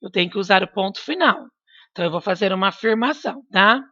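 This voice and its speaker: A woman's voice: mid-range voice, animated, fast, bright, forceful tone, no echo, dull audio. A woman teacher giving a recorded lesson to young pupils, patient and coaxing, asking them questions and repeating her prompts. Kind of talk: recorded remote class lesson.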